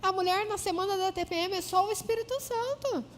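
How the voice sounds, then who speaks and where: A woman's voice: very high voice, a little fast, long reverb tail, slight background noise. A woman from Paraná, Brazil, preaching a sermon and telling stories by acting out both sides of each exchange. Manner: storytelling, acting out dialogue.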